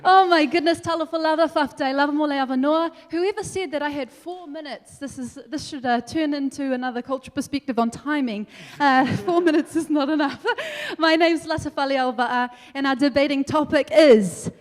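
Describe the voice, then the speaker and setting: A young woman from New Zealand giving an energetic, animated debate speech, laughing between points. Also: high-pitched. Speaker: debate speaker. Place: large council meeting hall. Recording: long hall reverb.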